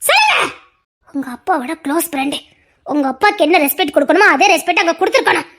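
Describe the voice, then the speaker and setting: A woman playing a very high, sharp young wife. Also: big pitch swings, fast talker, exaggerated voice. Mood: scolding. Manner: sharp, scolding, reproachful. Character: indignant young wife defending her husband. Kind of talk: audio family drama.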